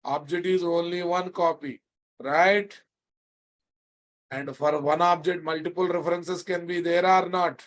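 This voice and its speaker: A man's voice: on the high side, fairly even intonation, a little slow. A man with a Telugu Indian English accent lecturing live as a programming instructor, emphatic and repetitive, prodding and chiding his students with questions.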